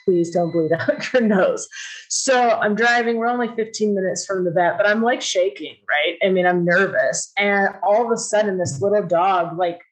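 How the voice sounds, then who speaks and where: A woman's voice: fairly low pitch, rough recording. A middle-aged woman telling a personal story in a casual, chatty way, filling her talk with "like" and "you know" and acting out quoted lines. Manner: acts out quoted dialogue in a raised voice.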